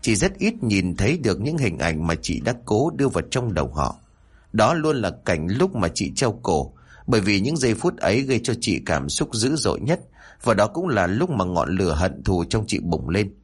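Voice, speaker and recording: Sad young ghost girl, a guy reading her lines, mournful and pleading, lowish husky voice. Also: big pitch swings, normal speed. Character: grieving young woman ghost, vengeful turned tender.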